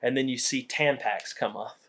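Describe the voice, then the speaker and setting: Young male podcast co-host, laid-back, animated storyteller who acts out the quotes. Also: medium pitch, normal speed. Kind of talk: casual chat, retelling movie scenes.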